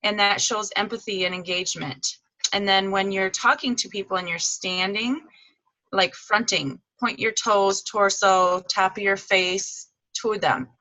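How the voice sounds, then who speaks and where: A woman with a bright, forward voice recaps a weekend of tips over a video call, chatty and informal, with plenty of "um" and "like" fillers. Her voice sits at an ordinary middle pitch. The sound is dry and close, with almost no room around it. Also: fairly even intonation, measured pace, dry recording, poor audio. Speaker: guest speaker. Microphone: video call microphone.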